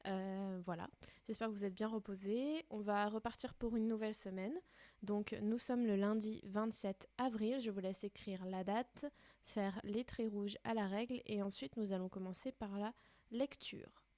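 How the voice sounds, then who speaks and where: A woman's voice: mid-range voice, fairly even intonation, moderate pace, dark tone, no room sound. A woman teaching a primary school class in a recorded remote lesson, explaining patiently step by step.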